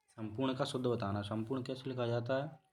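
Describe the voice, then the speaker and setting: A man teaching a spelling lesson for exam preparation, repeating each word slowly and correcting himself as he goes. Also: medium pitch, fairly bright tone. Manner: slow, repetitive explaining, self-correcting. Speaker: Hindi teacher.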